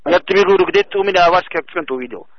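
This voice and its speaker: A man's voice: high-pitched, racing, a little hiss or hum. A man arguing over the phone, blunt and aggressive, swearing constantly. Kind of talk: heated phone conversation. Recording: muffled phone-call audio.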